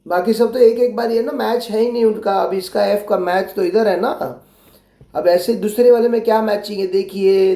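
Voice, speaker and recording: A man with a high, gravelly, mellow voice explains a workbook lesson to young children, patiently spelling out letters and repeating his prompts. The room gives a roomy echo.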